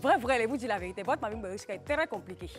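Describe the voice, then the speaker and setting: A woman co-hosting a TV talk show, chatting in a lively, playful way. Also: on the high side, fast talker, music in the background. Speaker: co-host. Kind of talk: casual studio banter.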